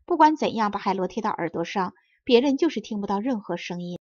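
A woman narrating a children's fairy tale in a soft, lilting storytelling voice. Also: medium pitch, expressive, fast talker, dry recording, highs cut off. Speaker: audiobook narrator.

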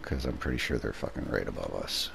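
A young man commenting on a game with a friend, swearing often and calling out tactics with excitement. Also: very deep voice, fast, gravelly, background noise. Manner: profane, excitable tactical callouts. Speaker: gamer streaming with a friend. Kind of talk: casual gaming commentary.

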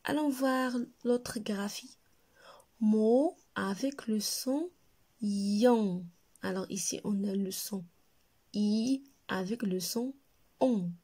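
Woman teacher, Moroccan French accent, very slow and deliberate, mellow tone; reads words aloud twice for young pupils. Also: mid-range voice, slightly rough. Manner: slow, deliberate, repeats each word for pupils. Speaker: primary school teacher. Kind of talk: slow reading lesson for young children.

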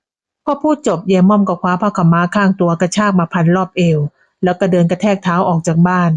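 A woman storyteller in scripted narration of a moral tale, steady and vivid. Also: on the low side, fast talker, no echo, lo-fi sound.

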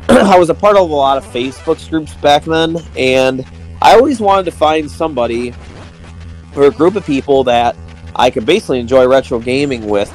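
A man's voice: mid-range voice, rough recording. A man as a guest in a casual interview, friendly, laughing easily and often saying "man". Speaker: guest YouTuber.

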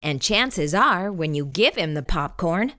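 A middle-aged woman reading aloud to young children in an expressive storytime voice, as a children's host. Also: lowish voice, a little slow, no room sound, clean studio sound.

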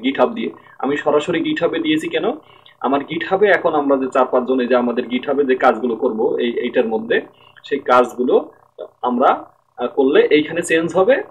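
In a screen-recorded coding tutorial, a man at his computer walks through each step and frequently makes sure listeners keep up. His medium-pitched voice has a breathy edge, and the highs are cut off.

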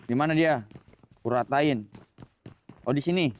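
A young man in casual gaming banter, loud and teasing, swearing as he plays. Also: medium pitch, a little slow, dull audio, very noisy. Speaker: mobile game player.

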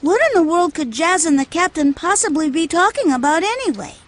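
A woman voicing an earnest, good-natured young boy in a video game, with an expressive delivery. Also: extremely high pitch, fairly quick. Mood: complaining.

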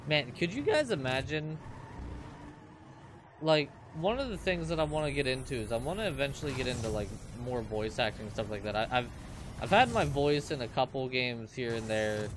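A man's voice: mid-range voice, animated, normal speed, background noise. A man in his twenties rambling and joking with viewers as he comments on his own gameplay. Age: 20s. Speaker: let's play host.

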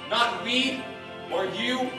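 A man's voice: very high voice, slow. A man giving a solemn theatrical speech on a stage. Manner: solemn, declaiming. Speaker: stage performer. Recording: echoey theater from far off, music behind.

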